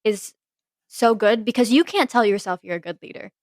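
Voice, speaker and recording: A teenage girl co-hosts a podcast, chatting casually with friends and telling a story packed with "like." Her voice sits on the high side with a darkish tone at a moderate pace. The studio recording is clean with no echo.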